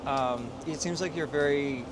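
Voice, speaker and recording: A man's voice: a little high, moderate pace. A man interviewing a passerby on the street, easygoing, asking rambling questions with restarts. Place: outdoors on a city street. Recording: outdoor street noise.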